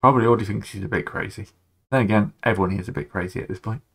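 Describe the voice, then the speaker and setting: A man with a fairly low voice, running a tabletop game as game master. He talks in a relaxed, easygoing way, pausing to think. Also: gravelly.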